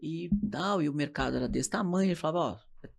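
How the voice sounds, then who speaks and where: A middle-aged Brazilian woman, a guest entrepreneur, telling animated stories in an interview and acting out what people said. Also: sits low, fast, vocal fry, husky. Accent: Brazilian Portuguese. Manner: animated storyteller, acts out quoted dialogue. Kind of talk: storytelling in an interview.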